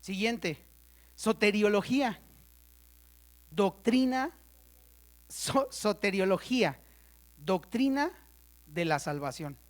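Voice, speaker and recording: A woman teaching a church Bible study class, chatty and playful, constantly checking in with her students and spelling out terms slowly for the ones taking notes. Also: medium pitch, animated. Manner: conversational, checks in with the class often.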